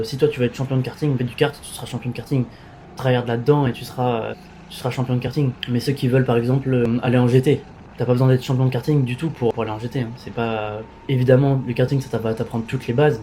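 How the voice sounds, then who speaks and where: Young man, quick informal chatter, mellow dark tone, faint background hum, coaching manner. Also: medium pitch. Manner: fast, informal, many fillers and restarts, coaching tone. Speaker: amateur racing driver. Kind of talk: casual talk to camera.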